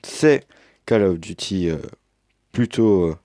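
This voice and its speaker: A man's voice: low-pitched, animated, slow pace, dark tone, dry recording, clean studio sound. A young man casually commenting as he unboxes a game edition, hesitant with many fillers, recorded on a headset mic. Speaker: unboxing youtuber.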